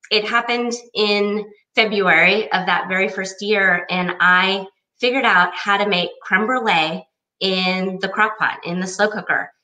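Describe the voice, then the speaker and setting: A woman in her forties tells her own story in a lively, chatty way. Her voice is bright and forceful, and she sits some way from the mic. The room around her is echoey. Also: medium pitch, recorded from a distance. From United States. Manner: chatty and enthusiastic, acts out quoted voices. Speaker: cookbook author. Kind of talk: personal storytelling talk.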